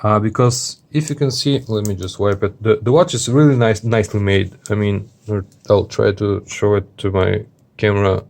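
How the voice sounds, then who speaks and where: A man with a slightly deep voice talks through a product review off the cuff. His delivery is informal and hesitant, stopping and starting as he looks for the right word. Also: steady tone, creaky, darkish tone. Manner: halting, hesitant, searching for words. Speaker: watch reviewer. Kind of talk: casual unscripted product review.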